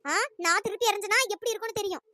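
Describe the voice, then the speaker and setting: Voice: very high voice, racing, pushed and bright, slight background noise. A performer voicing a defiant young daughter-in-law who answers back with mocking retorts in a cartoon. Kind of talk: cartoon voice acting.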